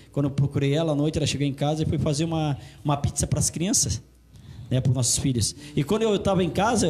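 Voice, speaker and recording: A man giving a religious testimony in an animated, fervent way. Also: fairly high pitch, slight background noise. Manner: animated, rising excitedly as he preaches.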